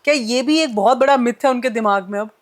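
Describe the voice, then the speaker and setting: A woman's voice: a little high, fast. A woman hosting a podcast interview, steering the talk with long questions. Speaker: podcast host. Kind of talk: conversational interview.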